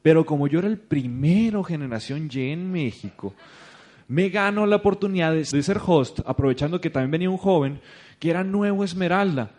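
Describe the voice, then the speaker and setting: A young man with a Mexican accent giving a motivational talk to a seated audience, telling his story with lively bursts of emphasis. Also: sits high. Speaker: seminar speaker. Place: stage before a seated audience.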